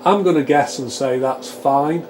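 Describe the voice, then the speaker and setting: With a medium-pitched voice and a measured pace, this man demonstrates a repair informally for his radio repair channel, reasoning aloud as he goes. Test equipment fans hum constantly in the background of his small electronics workshop.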